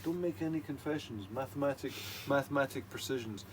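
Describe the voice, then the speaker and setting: A man's voice: mid-range voice, a little fast. Tipsy guy rambling and swearing, loose banter, noisy room behind him. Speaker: whisky review show host. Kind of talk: casual drunken banter.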